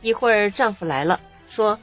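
A woman's voice: medium pitch, animated, normal speed, soft background music. A woman, earnestly narrating her own life story in the first person. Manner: emotional, earnest recounting.

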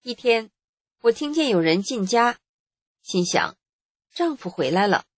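A woman's voice: a little high, lively intonation, measured pace, no room sound. A woman, earnestly narrating her own life story in the first person. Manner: emotional, earnest recounting.

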